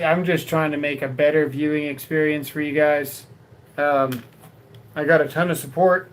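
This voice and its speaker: This man's voice is fairly high, and the recording quality is poor. He hosts a YouTube tool channel and is doing a casual livestream, rambling to viewers he calls "guys" and "dude" and repeating words as he goes.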